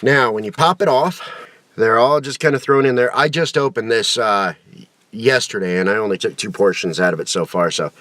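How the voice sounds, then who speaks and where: A man's voice: fairly low pitch, normal speed, a bit bright, dry recording. A man giving a casual, folksy product review to camera, colloquial and chatty, talking as if with a lip full of dip.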